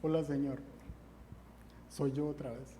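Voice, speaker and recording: A man's voice: on the high side, little pitch movement, unhurried, dark tone. A man preaching a sermon, fervent and repetitive, driving his points home with refrains. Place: church hall. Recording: echoey hall, faint ambient noise.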